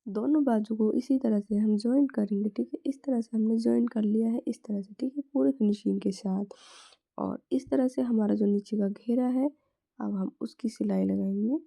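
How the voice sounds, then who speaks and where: A woman with a hoarse, sore throat, teaching a step-by-step sewing tutorial and repeating her stock phrases as she works. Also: fairly high pitch, fairly even intonation, normal speed, warm tone. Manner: repeats "is tarah se" and "theek hai" constantly; drops to a whisper at times.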